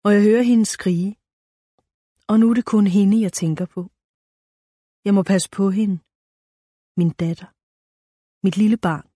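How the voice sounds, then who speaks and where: Woman narrator, first-person audiobook, calm and measured, warm mellow tone, dry close sound. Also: mid-range voice, no room sound.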